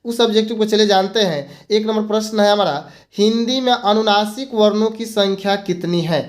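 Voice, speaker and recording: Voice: mid-range voice, moderate pace. A teacher gives an exam-prep grammar lesson, repeating points and mixing in English words. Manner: asks rhetorical questions and answers them.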